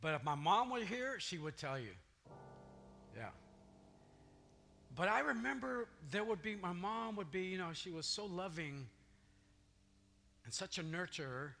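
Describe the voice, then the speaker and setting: A male pastor preaching a sermon, building up to forceful declarations in a church. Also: sits high, animated, measured pace, gravelly, long pauses. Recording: long church reverb, faint music.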